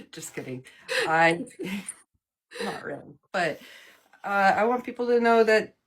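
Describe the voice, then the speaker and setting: A woman's voice: mid-range voice, animated, slow. A woman channeling the male god Apollo in a live interview, talking in a loose, jokey way with laughs between phrases. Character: playful trickster sun god Apollo, male, cheerful and upbeat.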